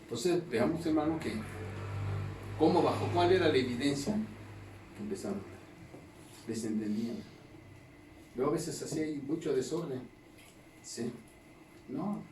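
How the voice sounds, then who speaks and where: A man preaches a Bible study in a roomy church hall, with his voice sitting at an ordinary middle pitch. He talks in a conversational way, constantly checking in with his listeners. He sounds set back from the microphone, and a faint ambience hums underneath. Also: measured pace, long pauses, darkish tone, slight background noise. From Mexico. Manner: conversational teaching, constant tag questions to the congregation. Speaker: pastor. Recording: echoey room, distant mic, faint ambience.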